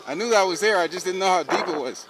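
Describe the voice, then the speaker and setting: A man's voice: high voice, expressive, fast talker. A man hosting a casual riding vlog, rambling to himself and his viewers as he goes. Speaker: vlog host. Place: outdoors, riding an electric two-wheeler. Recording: loud wind noise, vehicle sounds. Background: loud wind and vehicle noise.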